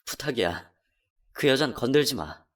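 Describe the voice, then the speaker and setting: Guy doing a cheating husband in a radio drama, low and mumbly, evasive and sorry, a bit far from the mic. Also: expressive, moderate pace, a bit bright. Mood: guilty pleading. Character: cheating middle-aged husband, evasive then pleading.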